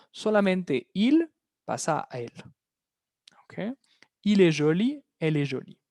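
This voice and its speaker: A language teacher leads an online lesson at a very unhurried pace, spelling out each point and pausing to check that the class is following. Key words are said slowly and repeated for pronunciation, in a mid-pitched voice. The recording is dry, with no room sound. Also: darkish tone, no room sound. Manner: explains step by step, often checking in with "¿ok?". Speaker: French teacher.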